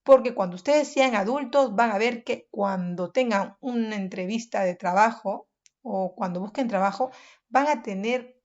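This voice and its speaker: A woman teacher from Peru walks her young pupils through a review lesson, explaining each point step by step and calling them "chicos". Her voice sits fairly high. The audio is a little muffled and lo-fi. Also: moderate pace, a little mellow. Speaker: primary school teacher.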